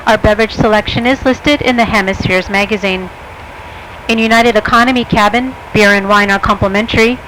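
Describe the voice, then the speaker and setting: A woman's voice: medium pitch, a bit bright, rough recording. A woman speaking as a flight attendant, giving a scripted airline cabin announcement to passengers. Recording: cabin announcement over airplane engine noise.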